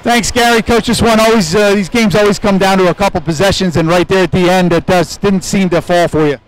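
Male sideline reporter, brisk high-pitched questions, handheld mic in an arena. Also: steady tone, poor audio. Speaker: sideline interviewer. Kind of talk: postgame interview questions. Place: indoor arena.

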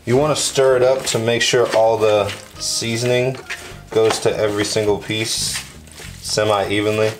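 A young male vlogger with a lowish, steady voice talks casually at a moderate pace through a cooking how-to, rambling and correcting himself. He films on a handheld camera held at arm's length in a small home kitchen, with noise in the background.

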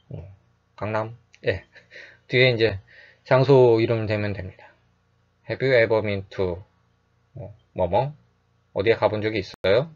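Calm man teaching English phrases. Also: fairly low pitch, lo-fi sound. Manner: calm, repeats phrases slowly, says "예" often. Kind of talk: lecture explaining sitcom phrases.

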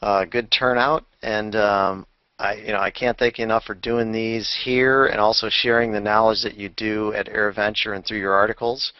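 Low-voiced male webinar host, dry sound. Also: little pitch movement, normal speed, smooth, no room sound, lo-fi sound. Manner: friendly, thanking, with fillers. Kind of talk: closing remarks of a webinar.

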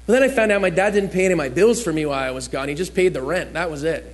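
A man with a fairly high voice preaches a sermon as a chatty personal story. He is from New Jersey and slips into the voices of the people he quotes. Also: racing.

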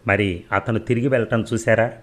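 A man voicing a male police inspector who asks brisk questions. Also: on the low side, fairly even intonation, lightly acted. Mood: questioning.

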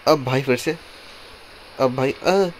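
Hoarse man groaning through a game. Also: mid-range voice, takes it slowly. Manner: talks to his game character, exasperated and pleading, often counting one two three. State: hoarse throat. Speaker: gameplay streamer. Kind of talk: casual gameplay commentary. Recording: noisy recording with mouse clicks.

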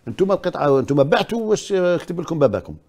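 A man's voice: fairly high pitch, sing-song, racing, darkish tone. An older man with an Algerian accent hosting a studio talk show, asking insistent, probing questions and often repeating them.

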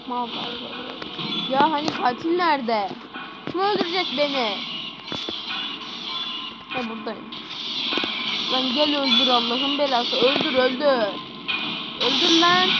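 A woman's voice: high-pitched, poor audio. A young woman commentating her gameplay, frustrated, swearing and pleading with the game to give her what she wants. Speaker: gamer.

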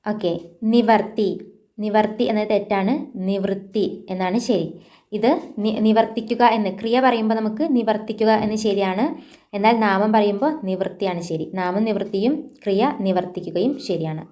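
A woman with a Malayali accent gives an exam-prep language lesson at a mid-pitched, ordinary level. She goes through word corrections, repeating each word slowly and adding casual asides to viewers. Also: steady tone, dark tone. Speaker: teacher.

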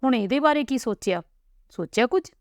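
A woman's voice: medium pitch, moderate pace, dry recording, studio quality, close to an everyday voice. A woman voicing a blunt, nosy older aunt who speaks plainly and pries. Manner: blunt, prying.

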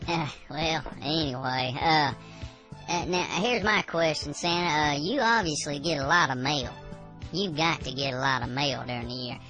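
Female co-host, chatty and halting, low-pitched for a woman, over clear background music. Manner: hesitant, chatty. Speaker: radio co-host. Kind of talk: comedy radio interview.

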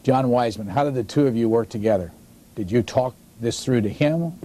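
A male TV host asking measured questions of a guest in a studio interview. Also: mid-range voice, warm tone, a little hiss or hum.

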